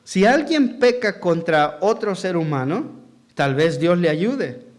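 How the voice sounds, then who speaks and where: A man's voice: high-pitched, big pitch swings, slow pace. A man preaching as pastor in a church hall, asking the congregation questions and acting out quotes in a sermon.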